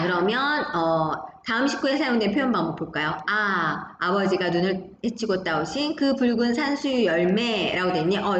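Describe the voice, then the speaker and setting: A woman teaching a high school Korean class online, talking students through examples with frequent tag questions. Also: a bit bright, echoey room, lo-fi sound, slight background noise. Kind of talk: recorded online class lecture.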